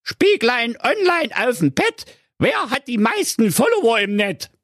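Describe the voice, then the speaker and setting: Guy putting on a squeaky bossy evil stepmom, way up high, husky edge. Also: big pitch swings, a little slow, a bit bright, dry recording, studio quality, heavily acted. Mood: haughty. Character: vain scheming stepmother school principal, woman.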